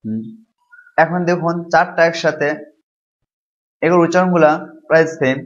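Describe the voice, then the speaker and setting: A man teaching a Quran letter pronunciation lesson, slowly drilling each sound and having students repeat after him. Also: on the high side. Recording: dull lo-fi recording.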